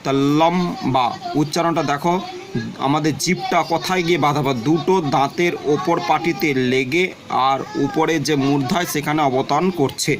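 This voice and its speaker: A man teaching a twelfth-grade grammar lesson, who explains slowly and says example words and definitions more than once. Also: a little high, steady tone. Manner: explains slowly, repeats example words and definitions, often tells students to look.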